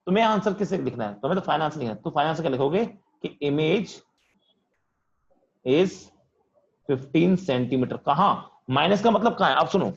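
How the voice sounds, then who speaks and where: A physics teacher speaking, leading an online class in a loud voice that he says is straining from all the shouting. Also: fairly high pitch, creaky, dull audio. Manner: talks loudly to students, says he is shouting. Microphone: computer mic on video call.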